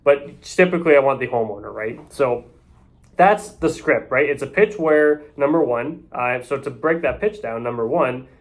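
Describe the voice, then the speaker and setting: A real estate agent coaches others on door knocking in a loose, off-the-cuff sales talk, often tagging his points with "right?". His voice is medium in pitch and his pace moderate.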